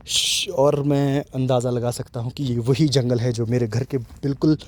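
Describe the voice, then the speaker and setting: A man narrating a walking vlog outdoors in a dense forest, chatting loudly to the camera as he goes. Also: mid-range voice, fairly even intonation, normal speed. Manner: chatty, talks loudly to warn animals. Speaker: nature vlogger.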